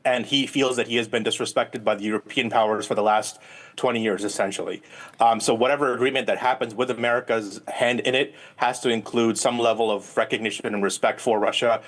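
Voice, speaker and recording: A man with a medium-pitched, steady, brisk and slightly bright voice appears as a guest political analyst in a live news interview. He explains things at length, often repeating words as he works out how to phrase his points.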